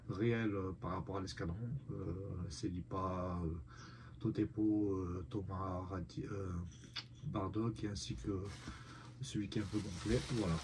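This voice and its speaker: In a relaxed unboxing video, a congested collector talks his audience through a figurine. Hesitant and full of "euh" fillers, he pauses often, his voice low, mellow and rather flat over a faint background hiss.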